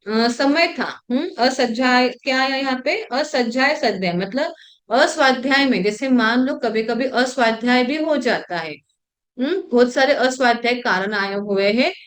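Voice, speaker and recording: A woman teaching an online religious class, explaining each term patiently step by step, with frequent hmm fillers and rhetorical questions. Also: fairly high pitch. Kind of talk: online scripture lesson.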